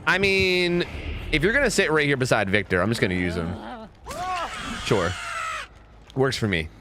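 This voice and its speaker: A young man streaming live gameplay commentary, animated and swearing freely, jumping into high-pitched panic. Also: moderate pace, background noise.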